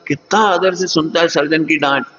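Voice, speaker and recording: Male religious teacher, higher-pitched, lively delivery, booming hall reverb with a dull lo-fi sound. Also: normal speed. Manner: lively, acts out scoldings with sudden high jumps; chuckles often while teaching. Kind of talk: morning sermon to students.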